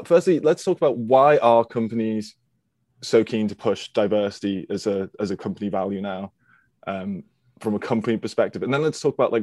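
A male podcast host with a low-pitched voice asks long, meandering questions. He stumbles and restarts often, and the sound is dry and close, with little room echo. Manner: hesitant, many fillers and restarts. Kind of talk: interview question.

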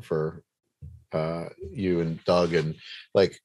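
A man's voice: sits low, level tone, takes it slowly, darkish tone, dry recording. A man hosting a casual interview, talking in a rambling way with many fillers and restarts. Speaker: podcast host interviewing a guest.

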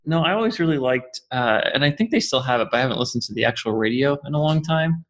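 A man co-hosting a podcast, chatting casually with lots of fillers and jokey jumps in pitch. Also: lively intonation, fast, muffled recording. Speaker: podcast co-host. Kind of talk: casual chat leading into a product discussion.

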